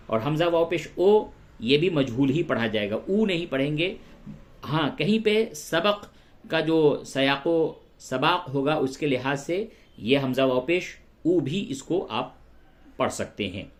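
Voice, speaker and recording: A man teaching a beginner Urdu lesson, slowly drilling syllables with patient, repetitive explanations. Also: on the high side. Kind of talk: beginner language lesson, spelling out letters.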